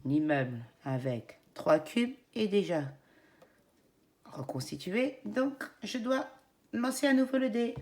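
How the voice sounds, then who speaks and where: A woman presents like a kids show host, with a very lively, singsong melody. She speaks slowly and instructively, guiding young children step by step with encouragement. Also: medium pitch. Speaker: teacher presenting a children's counting game. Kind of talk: educational demonstration addressed to young children.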